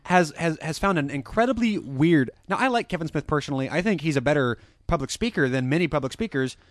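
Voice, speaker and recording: Man, podcast chat, blunt, opinionated, dry humor, slightly high voice, dry sound. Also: lively intonation, fast, no room sound. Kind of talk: casual chat, film criticism.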